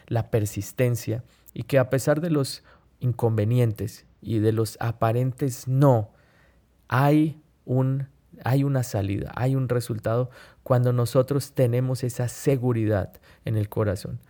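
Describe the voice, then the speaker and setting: A man hosting a podcast, telling a story, often pausing on "eh" and correcting himself. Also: medium pitch, mellow. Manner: unhurried, with frequent "eh" fillers and self-corrections. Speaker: podcast host. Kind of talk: reflective storytelling monologue.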